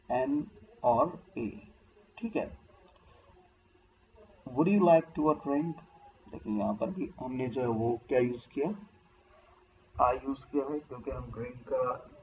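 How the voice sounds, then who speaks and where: Slow, patient male grammar teacher. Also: medium pitch, darkish tone, a little hiss or hum, low-quality recording. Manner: slow, patient explaining, often checking with "ठीक है". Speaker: English teacher. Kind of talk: grammar lesson.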